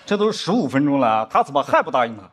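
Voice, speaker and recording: A man performing a stand-up comedy set, telling stories and acting out drama scenes in a lowered voice. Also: racing. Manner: lively storyteller, acts out drama scenes in lowered voice. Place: theater stage before a live audience. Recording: live stage with crowd laughter and noise.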